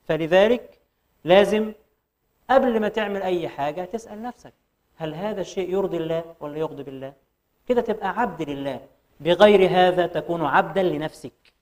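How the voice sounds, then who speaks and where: A man with an Egyptian Arabic accent giving a religious lecture, firing rhetorical questions and reciting verses slowly. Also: high-pitched, a little mellow. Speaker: preacher.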